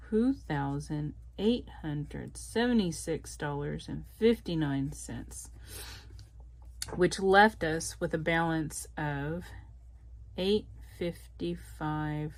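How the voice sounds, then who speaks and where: A woman's voice: on the low side, dry recording. A woman with a Southern US accent, chatting casually to her viewers as a budgeting vlogger, laughing often. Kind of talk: casual direct-to-camera chat.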